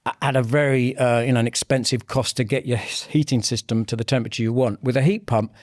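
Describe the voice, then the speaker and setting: A man, a heating sales manager, explaining things as an interview guest with frequent pauses and restarts. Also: medium pitch, fairly even intonation, darkish tone, no echo, clean studio sound. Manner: hesitant, many ums and restarts, explanatory.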